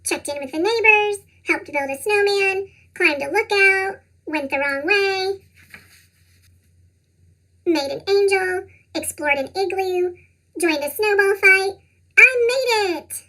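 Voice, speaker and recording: A storybook narrator reading to children in an animated, expressive way, with a squeaky pitched-up chipmunk cartoon voice. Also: takes it slowly. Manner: animated, expressive read-aloud. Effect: pitched-up chipmunk voice effect.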